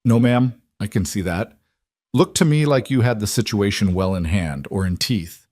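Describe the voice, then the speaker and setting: A man voicing a calm, dryly amused cowboy in his mid-thirties with a low, gravelly voice. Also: no echo, studio quality, close to an everyday voice. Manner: quiet, unhurried drawl.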